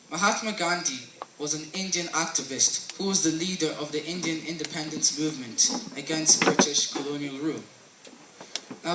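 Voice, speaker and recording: Teen boy reading his school speech, slightly high voice, echoey room, far from the mic. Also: sharp tone, a little hiss or hum. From Ireland. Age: teens. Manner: sincere, read-aloud speech with small slips. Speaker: student presenter. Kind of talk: scripted school presentation. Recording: roomy echo, mic at a distance.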